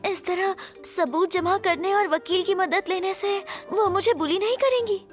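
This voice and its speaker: A woman's voice: very high voice, measured pace, soft background music. A woman voicing a timid, hesitant teenage girl who is bullied by her teammates, in an anime dub. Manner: hesitant, pleading.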